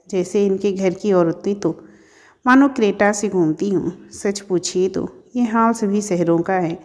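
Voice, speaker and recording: A woman's voice: mid-range voice, darkish tone, in a large hall. A woman telling a family story in scripted narration, speaking to her listeners as friends. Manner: reads all characters in her own voice, addresses listeners as friends.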